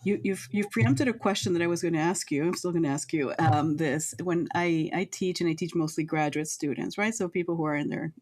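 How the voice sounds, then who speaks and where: A woman's voice: on the low side, brisk, few pauses, darkish tone. A woman hosting a podcast interview, reflective, giving frequent short affirmations as the guest talks. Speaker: podcast host, university teacher. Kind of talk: interview conversation.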